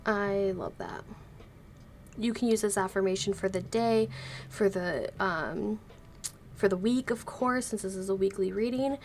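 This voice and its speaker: A woman reading tarot cards for her viewers in a casual, unhurried way, her voice a little hoarse from being sick, speaking slowly and gently to spare it. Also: mid-range voice, slight background noise. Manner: slow, gentle, careful with her voice. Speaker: tarot reader.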